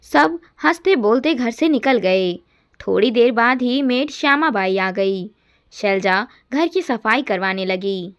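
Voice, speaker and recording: Slow, calm woman storyteller. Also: a little high. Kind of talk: scripted family-story narration.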